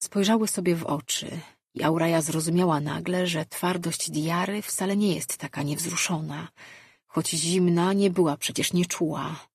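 Woman narrator, audiobook, low voice, very husky, dry close sound. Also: steady tone, normal speed, no echo. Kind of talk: scripted narration.

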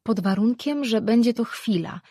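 A woman's voice: fairly high pitch, expressive, moderate pace, dark tone, slightly rough, no room sound, studio quality, voice pushed up. A narrator voicing a young woman healer-priestess who answers her mother in a matter-of-fact, dryly patient way, in an audiobook. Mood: brisk. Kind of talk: audiobook character reading.

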